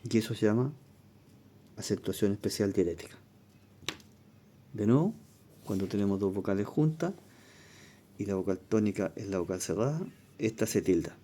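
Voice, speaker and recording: A man's voice: on the low side, lively intonation, normal speed, pauses often, mellow, a little hiss or hum. A man, teaching a language exam review lesson, reading passages aloud and explaining spelling rules step by step.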